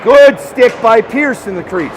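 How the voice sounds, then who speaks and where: A man calling a hockey game live, excitable and chatty, shouting on scoring chances and joking with the listeners. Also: extremely high pitch, unhurried, noisy background. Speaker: play-by-play commentator.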